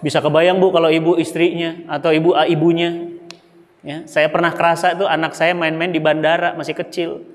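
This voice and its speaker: A man with a Sundanese accent preaching a mosque sermon, animated and emphatic, often turning to address the women listening. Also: fairly high pitch, a little fast. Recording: long mosque hall reverb.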